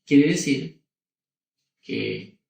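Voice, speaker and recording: A male teacher giving a slow, patient lesson to children, often checking that they follow. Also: medium pitch, wildly swooping pitch, vocal fry, darkish tone, reverberant, distant mic. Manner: slow and patient, asking many rhetorical questions. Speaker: schoolteacher. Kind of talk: recorded classroom lesson for children.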